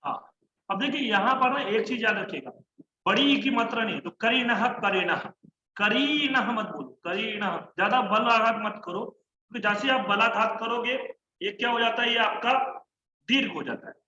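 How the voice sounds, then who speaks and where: Bright high-voiced male teacher, echoey. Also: moderate pace, highs cut off, slight background noise. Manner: drills declensions in rhythmic lists, corrects students. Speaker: Sanskrit teacher. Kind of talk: online class, reciting word forms. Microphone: online class call mic.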